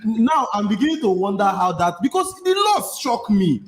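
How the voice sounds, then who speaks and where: A man's voice: high voice, big pitch swings, moderate pace. A man with a Nigerian accent giving casual football analysis as a show panellist.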